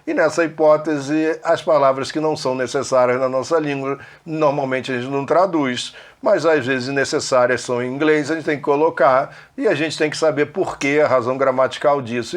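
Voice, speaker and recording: A man with a Brazilian Portuguese accent teaching an English lesson, explaining slowly and checking in often with the learner. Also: fairly high pitch. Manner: patient, repetitive, checks in with "né?" and "ok?".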